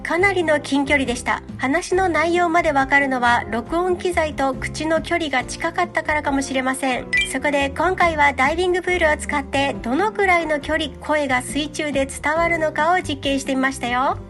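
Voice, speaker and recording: A woman's voice: high-pitched, brisk, hardly any pauses. A woman narrating a scripted video as its host, in a polite, explanatory presenter style. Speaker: host of a free-diving and mermaid swimming channel. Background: background music.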